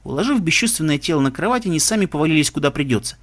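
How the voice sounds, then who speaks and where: Male audiobook narrator, slightly high voice, steady and measured pacing. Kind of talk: audiobook reading.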